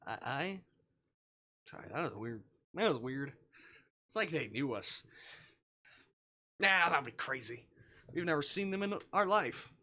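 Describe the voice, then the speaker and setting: A man with a fairly high, bright, forceful voice reads a visual novel aloud during a casual livestream. His intonation is lively, and he goes a little slowly, pausing often, while slipping in playful muttered asides.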